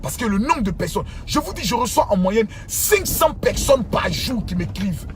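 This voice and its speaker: A pastor, a man, speaking to his followers in an impassioned, scolding rant. He repeats himself and swings from low muttering to shouting. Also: sing-song, moderate pace.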